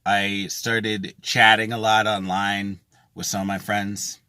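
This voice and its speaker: Guy doing a casual festival vlog, earnest and emphatic, bright punchy voice, really dry sound. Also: on the low side, level tone, slow pace, clean tone, no echo. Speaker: music festival vlogger.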